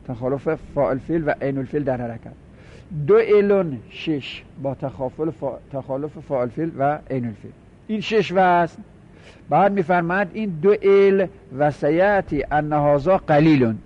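A man's voice: a little high, darkish tone. Man teaching in a muffled recording. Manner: explanatory, repeats terms, asks students quick questions. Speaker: teacher of Arabic morphology. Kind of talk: classroom lecture, explaining and counting forms.

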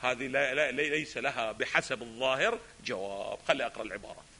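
A man's voice: medium pitch, fast, bright, forceful tone. A man giving a lecture on a philosophy text, often asking rhetorical questions and answering them himself. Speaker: religious scholar teaching a text.

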